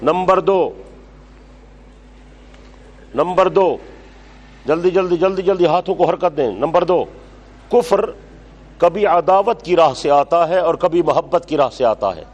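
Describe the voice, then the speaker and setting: Man teaching, slow dictation. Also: on the high side, lo-fi sound. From Pakistan. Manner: dictates slowly, repeating each phrase for note-taking; scolds and quizzes students brusquely. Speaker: religious teacher. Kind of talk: classroom lecture with dictation. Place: lecture hall with students.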